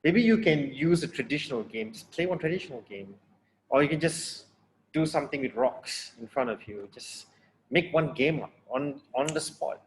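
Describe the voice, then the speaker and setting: A man lecturing to students on a video call, speaking plainly and bluntly, often stopping to restart his phrases. His voice sits at an ordinary middle pitch. A faint hiss runs under the recording. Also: animated, moderate pace, low-quality recording. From Malaysia. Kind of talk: online tutorial lecture.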